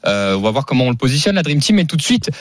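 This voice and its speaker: A man hosting a radio show, briskly steering the talk and introducing segments. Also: medium pitch, very animated, dry recording, clean studio sound. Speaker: radio host.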